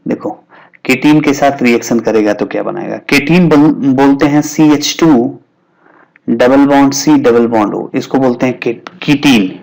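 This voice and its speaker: A man's voice: medium pitch, measured pace, vocal fry, a little mellow. Male chemistry teacher, mix. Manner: repeats key terms, asks and answers his own questions. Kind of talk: explaining at a whiteboard.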